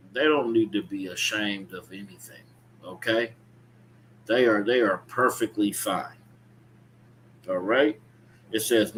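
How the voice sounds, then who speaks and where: This man's voice sits in the mid range and sounds a bit bright. As a preacher leading scripture teaching, he delivers a street-style sermon with call-and-response reading, stressing his points, repeating phrases, and checking that his audience follows. Ambient background sound makes the recording clearly noisy.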